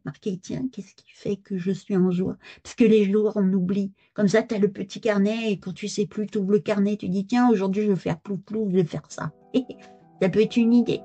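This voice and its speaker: A silly, childlike clown girl giggles and rambles along in a mellow, slightly husky voice, as a woman puts her on. She stays playful and carefree. A faint bed of music sits under the slightly dull recording. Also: mid-range voice.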